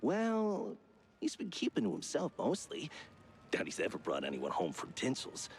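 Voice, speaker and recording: An actor playing an evasive, excitable male mouse stage designer in a cartoon game. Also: on the high side, normal speed, slight background noise.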